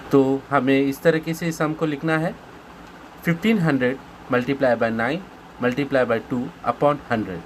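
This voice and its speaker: A man with an Indian accent teaching maths. He reads each question slowly and explains it step by step, mixing Hindi and English. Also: medium pitch, a bit bright, slight background noise, poor audio. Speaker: maths tutor. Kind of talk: explaining solved maths sums.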